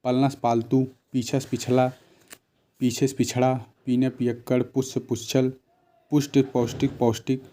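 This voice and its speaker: A man's voice: mid-range voice, flat delivery, normal speed, warm tone, a little hiss or hum. Man drilling a grammar lesson. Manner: rattles off word lists, asks and answers his own questions. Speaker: teacher.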